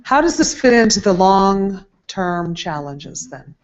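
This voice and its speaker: A woman's voice: mid-range voice, big pitch swings, slow. A woman teacher questioning a student in front of a group, teasing yet encouraging, with frequent fillers. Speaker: camp teacher. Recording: dull lo-fi recording.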